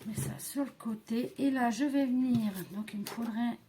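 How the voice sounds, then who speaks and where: A woman's voice: a little high, steady tone, moderate pace, warm tone, slight background noise. A woman, demonstrating a craft project in a chatty, hesitant way, full of fillers and self-talk. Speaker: crafting tutorial host.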